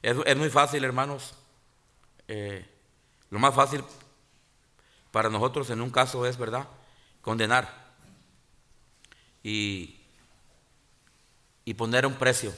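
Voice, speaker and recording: A pastor, preaching a sermon in church, often pausing to restart and calling out "hermanos". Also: male voice, mid-range voice, steady tone, bright, forceful tone. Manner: halting restarts and filler sounds. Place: church sanctuary.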